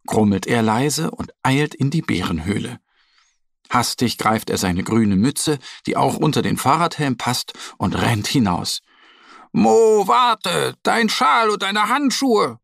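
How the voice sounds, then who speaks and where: Slow, lively man reading a children's story. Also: mid-range voice, vocal fry, husky, dry recording, studio quality. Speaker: narrator.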